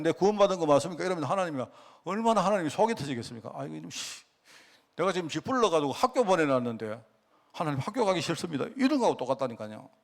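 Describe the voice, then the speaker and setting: A pastor preaching a sermon. He asks the congregation many rhetorical questions and acts out the dialogue he quotes. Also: a little high.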